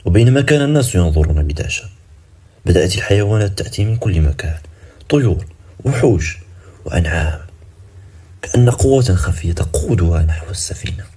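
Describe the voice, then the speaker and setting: Deep, husky, fast-paced male storyteller. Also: lively intonation, warm tone. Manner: suspenseful, with cliffhanger questions. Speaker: narrator. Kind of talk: dramatic scripted storytelling narration.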